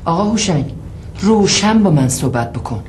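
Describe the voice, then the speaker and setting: A woman's voice: on the low side, very animated, darkish tone, slight background noise. An actress playing an exasperated woman in a TV drama, pressing a man to speak plainly. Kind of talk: TV series acting.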